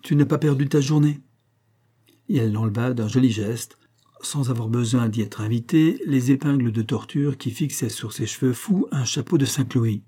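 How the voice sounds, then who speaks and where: Man, audiobook narration, mellow, husky, steady. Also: medium pitch, moderate pace.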